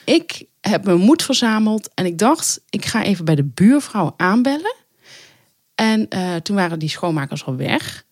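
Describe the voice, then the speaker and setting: A woman co-hosting a podcast, telling an anecdote in casual chat with animated storytelling. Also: medium pitch, measured pace, dry recording, studio quality. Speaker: podcast co-host.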